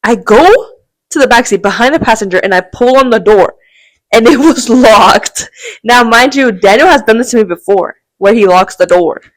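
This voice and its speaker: Animated young woman telling a story. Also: a little high, normal speed, no echo. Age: young adult. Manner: animated, rambling, acts out quotes, laughs often. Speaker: podcast co-host. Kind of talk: casual storytelling chat.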